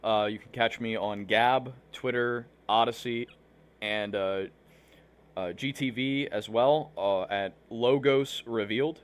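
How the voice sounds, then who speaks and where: A man's voice: mid-range voice, takes it slowly. A man hosting a live online show, talking casually and rambling with many fillers while fighting hiccups. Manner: rambling, filler-heavy, restarts often. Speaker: livestream show host. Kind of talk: casual livestream talk to viewers.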